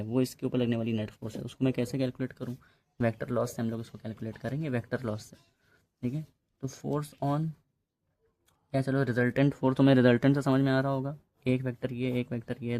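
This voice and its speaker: Warm and mid-range, this man's voice leads a laid-back physics lesson. He chats with his students, checks on them often, addresses them as bhai, and says "ok" over and over.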